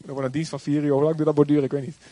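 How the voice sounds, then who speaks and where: A man preaching a sermon in a lively, conversational way, joking and acting out quotes. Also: fairly high pitch, fast, dry recording. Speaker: pastor.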